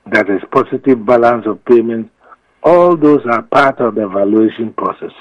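A man with a Ghanaian accent and a mid-range voice, appearing as an expert guest in a radio interview, explains his views emphatically and repeats himself for effect, speaking at normal speed. The radio feed sounds muffled and echoey.

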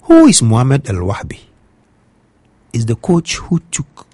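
A man's voice: fairly high pitch, a little mellow, no echo. A man from Ghana with a Ghanaian accent, giving opinionated football commentary and pressing his point with emphatic rhetorical questions. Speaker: football pundit.

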